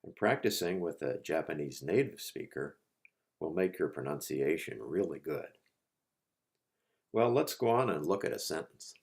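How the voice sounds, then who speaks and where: A man teaching a language lesson, repeating each word slowly and patiently for learners. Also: extremely low pitch, lively intonation, vocal fry, a little mellow. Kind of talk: slow, patient lesson narration.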